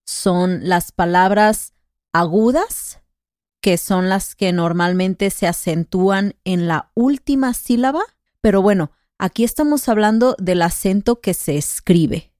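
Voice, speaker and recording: A woman's voice: medium pitch, unhurried, darkish tone, no room sound, clean studio sound. A woman co-hosting a conversational Spanish lesson podcast, patiently explaining grammar rules with examples.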